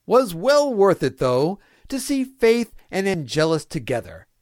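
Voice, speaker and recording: A man's voice: high-pitched, big pitch swings, measured pace, a little mellow, dry recording, studio quality. A man voicing a folksy, fatherly villain mayor who dictates his diary in clipped, prim phrases for a comic reading. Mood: chipper, doting. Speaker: reader of a fan fiction comedy podcast.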